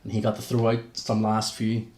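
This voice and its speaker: A man's voice: lowish voice, monotone, brisk, darkish tone. A man co-hosting a podcast, chatty and jokey. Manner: chatty, jokey, reels off names. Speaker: podcast co-host. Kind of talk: casual wrestling podcast chat. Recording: roomy echo.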